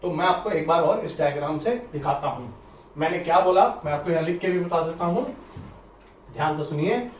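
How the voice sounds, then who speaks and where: Male biology teacher, repetitive and insistent, higher voice, a bit far from the mic, faint background hum. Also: brisk. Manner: repeats points, urges students to listen carefully; mixes English terms into Hindi explanation. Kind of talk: exam-prep biology lecture. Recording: roomy echo, somewhat distant mic, faint ambience.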